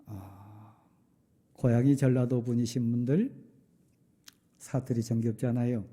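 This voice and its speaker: A middle-aged male pastor preaching a sermon, firing off rhetorical questions and sometimes dropping to a soft confessional tone. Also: mid-range voice, fairly even intonation, unhurried, husky. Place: church sanctuary.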